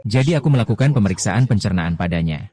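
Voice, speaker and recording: A man reading all the parts of a dubbed drama in a flat, unhurried way. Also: on the low side.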